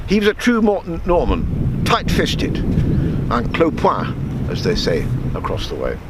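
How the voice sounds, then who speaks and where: In a very noisy recording, a man narrates his own written story at a measured pace, occasionally stumbling and correcting himself. His voice sits in the mid-range but its pitch swings wildly.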